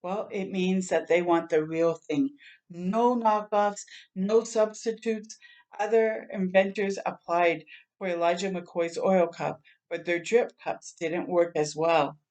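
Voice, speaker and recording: A woman with a slightly low voice slowly reads a children's picture book aloud. As an expressive storyteller, she acts out sound words and exclamations and speaks directly to her young audience.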